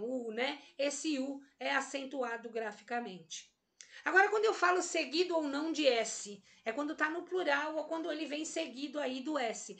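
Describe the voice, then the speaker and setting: A woman's voice: high voice, creaky, sharp tone. A woman teaching a grammar lesson, patient and methodical, often checking that her students follow. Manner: patient, repeats and checks understanding. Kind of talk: explanatory lesson.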